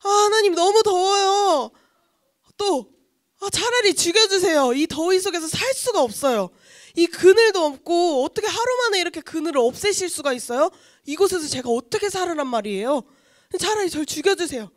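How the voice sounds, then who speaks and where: A woman's voice: sits high, sing-song, a little fast, no room sound, clean studio sound. A woman voicing an angry adult male prophet who whines and begs in a children's Bible story. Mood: whining complaint. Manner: whining, complaining, pleading.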